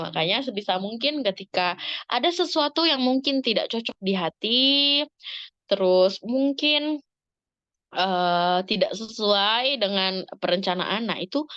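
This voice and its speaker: A woman speaking to parents in an Islamic study talk, lively and expressive, acting out examples with sudden rises in pitch. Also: no room sound, muffled recording. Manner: lively, dramatic shifts in pitch, acts out examples.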